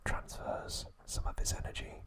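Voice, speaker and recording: In a gentle, halting manner, a man narrates an ASMR recap he's hosting, keeping his voice to a soft, breathy whisper.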